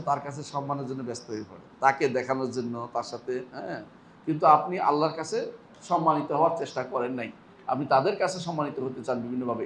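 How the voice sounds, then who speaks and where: A man's voice: a little high, fairly bright tone, a little hiss or hum. A man with a Bangladeshi Bengali accent giving a sermon on hadith in a mosque, reciting Arabic verses and asking the audience rhetorical questions. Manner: asks the audience rhetorical questions and answers them; recites Arabic verses, then explains them. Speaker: Islamic scholar giving a weekly lesson. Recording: echoey mosque hall.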